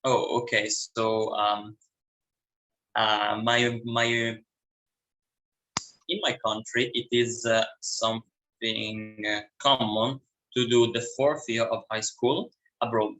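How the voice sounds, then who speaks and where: Brief: young Italian man, student guest, accented English, bright tone, hesitant delivery. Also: on the low side, flat delivery, slow pace, long pauses, reverberant, poor audio. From Italy. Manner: hesitant, many fillers and restarts. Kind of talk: casual interview talk.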